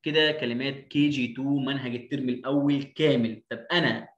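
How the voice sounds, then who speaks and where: Egyptian male phonics teacher, emphatic repetitive drilling, mid-pitched voice, echoey room sound. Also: steady tone, a little fast, lo-fi sound. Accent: Egyptian Arabic. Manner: drills words by repeating them, emphatic. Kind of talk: online lesson. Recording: roomy echo.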